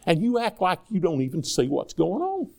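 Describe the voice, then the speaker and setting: A man delivers a sermon in a loose, conversational way, tossing rhetorical questions at his listeners. His voice sits a little high and carries a gravelly edge. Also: wildly swooping pitch, moderate pace, a little mellow. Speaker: preacher.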